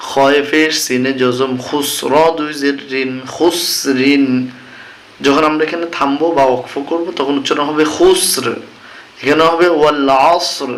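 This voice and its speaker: A man teaching Quran reading, spelling out each Arabic letter and vowel mark slowly, then chanting the words in a melodic recitation. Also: a little high, fairly even intonation, roomy sound. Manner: slow, deliberate spelling, breaking into melodic recitation.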